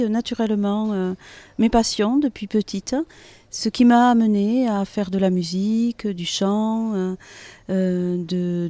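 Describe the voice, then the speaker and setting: A woman's voice: medium pitch, dark tone, dry recording. A woman with a Toulouse accent giving a conversational interview, often hesitating as she searches for words. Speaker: guest, metro announcer and singer. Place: hotel courtyard in city centre.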